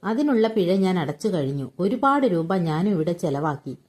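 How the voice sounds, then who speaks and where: A woman reading aloud and voicing a wry, stubborn grown son who argues back quietly. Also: fairly low pitch, animated, normal speed, natural voice. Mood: wry arguing.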